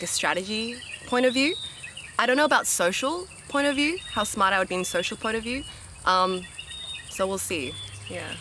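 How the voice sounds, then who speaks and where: A young Australian woman in her twenties answers interview questions casually as a reality show contestant. Her voice is fairly low, pushed and bright, and she sounds upbeat, with plenty of fillers and restarts over a faint hiss or hum.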